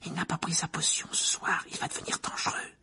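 A man whispering as a scared teenage girl witch, whispered role-play. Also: quick pace. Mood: frightened. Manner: soft frightened whisper.

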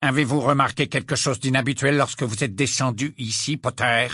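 A man's voice: mid-range voice, steady tone, a little fast, sharp tone, dry recording, studio quality. A man reading an audiobook, voicing a cold, contemptuous male professor. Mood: wary. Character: stern sneering male potions professor. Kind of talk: audiobook character voice.

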